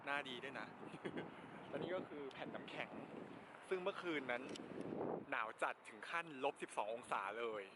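A man's voice: medium pitch, lively intonation, normal speed, heavy background noise. A man from Thailand narrating a casual travel vlog in a chatty, joking way, often laughing at himself. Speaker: travel vlogger.

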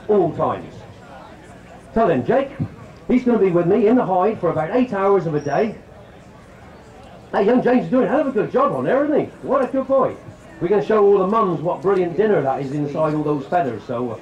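A fairly high-voiced man talks straight to a crowd at an outdoor show, chatty and full of jokes. The sound is echoey and dull, like a public address at a fair. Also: a little mellow. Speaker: shooting demonstrator. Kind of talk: outdoor live demonstration talk. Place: outdoor country show, on a stand.

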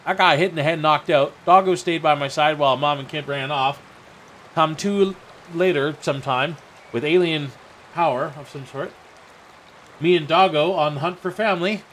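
A man's voice: on the high side, moderate pace, a bit bright, a little hiss or hum. A man streaming a game, joking around and talking to his in-game dog and his viewers. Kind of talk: casual gameplay commentary.

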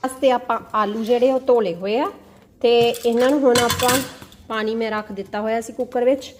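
Young mother, high voice. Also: steady tone, brisk. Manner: playful, coaxing tone toward a small child. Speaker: mother cooking on a family channel. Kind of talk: casual cooking vlog talk with a toddler. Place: home kitchen. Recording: noisy home kitchen recording.

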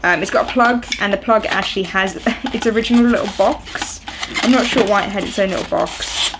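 This video host is a woman in her twenties, unboxing something on camera while sitting on a sofa in a small room at home. Her mid-range voice moves fairly quickly, wandering along with lots of ums and uhs, and there's background noise behind her.

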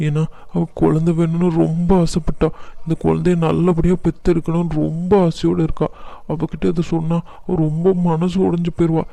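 A man's voice: fairly high pitch, monotone, normal speed, vocal fry, mellow, no room sound. Man voicing a firm young husband. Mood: worried. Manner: earnest, firm.

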